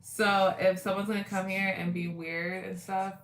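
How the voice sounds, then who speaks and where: A woman's voice: medium pitch, flat delivery, normal speed, a bit bright, echoey room. A woman in her twenties hosting a casual livestream, chatty and rambling, greeting viewers by name. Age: 20s. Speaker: livestream host. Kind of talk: casual live chat with viewers.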